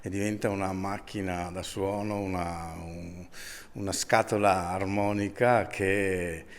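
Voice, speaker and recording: A man's voice: low-pitched, steady tone, measured pace. A man who directs a choir, answering interview questions in an earnest, reflective and fluent way. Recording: reverberant hall with faint ambience.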